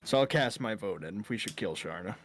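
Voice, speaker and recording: A man's voice: fairly low pitch, lively intonation, fairly quick, a little hiss or hum. A man playing a tabletop game, talking in a wry, joking way. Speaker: tabletop player. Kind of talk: casual in-character planning talk.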